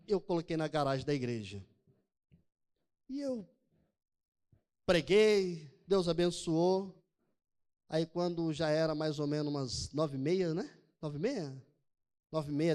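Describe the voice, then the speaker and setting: Pastor, male, high tenor, slow emphatic sermon delivery that drops soft for storytelling. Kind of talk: sermon with personal testimony.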